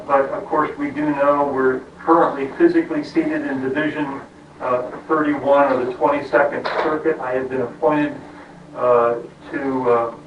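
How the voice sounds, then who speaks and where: An American man presiding as a judge, speaking formally but haltingly through a face mask, with frequent hesitations and repeated words. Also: mid-range voice, dull audio. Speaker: judge presiding over a court hearing. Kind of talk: formal courtroom address from the bench, partly informal. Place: courtroom. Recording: echoey courtroom, distant mic, faint noise.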